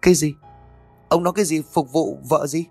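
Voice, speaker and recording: A man voicing a nervous young male gambler who talks in an agitated, quick, pleading way. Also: medium pitch, lively intonation, no echo, soft background music. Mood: alarmed.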